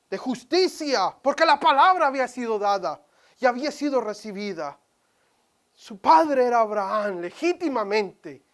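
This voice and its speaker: A woman preaching a sermon in church, dramatic, swinging from loud cries to hushed whispers. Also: high voice.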